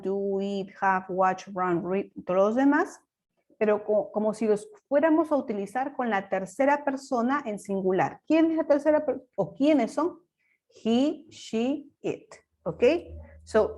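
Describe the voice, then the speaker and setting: A woman's voice: fairly high pitch, darkish tone. A woman teacher, patiently explaining grammar rules step by step in a recorded lesson. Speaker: English teacher.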